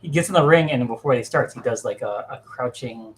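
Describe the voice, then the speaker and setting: A man's voice: medium pitch, fairly quick, slight background noise. A man hosting a casual podcast, leading the talk with curious questions and trailing off mid-thought. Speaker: podcast host leading the discussion.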